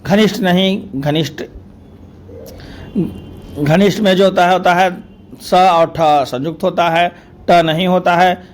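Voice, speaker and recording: A male teacher running through spelling corrections word by word, stating each wrong form and then the right one in a steady, repetitive drill. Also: high-pitched.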